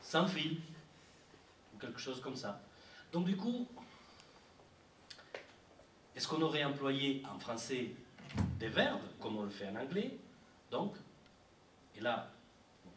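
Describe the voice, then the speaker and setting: Animated male lecturer in an echoey room. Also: medium pitch, unhurried, long pauses, background noise. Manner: animated, repeats himself, many fillers. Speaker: translation lecturer. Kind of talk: university lecture. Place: university library lecture room. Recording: echoey room, mic from far off.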